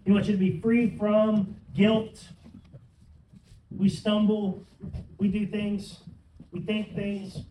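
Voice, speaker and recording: A man's voice: high voice, little pitch movement, takes it slowly, long pauses, warm tone, a little hiss or hum. A man preaching a sermon in church, fervent and building to emphatic peaks. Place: church sanctuary. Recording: roomy sound from some distance.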